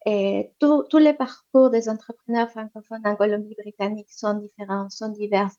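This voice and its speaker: Her voice is mid-range and dark in tone, delivered at normal speed with fairly even intonation. As an interview guest representing economic development, she talks about women's entrepreneurship, faltering with many fillers and restarts. The recording is muffled and lo-fi.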